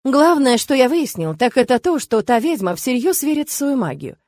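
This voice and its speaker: A woman voicing a gruff, protective middle-aged father who grumbles scornfully in an audiobook. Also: high voice, very animated, moderate pace, darkish tone, dry recording, voice pushed up. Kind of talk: audiobook character voice.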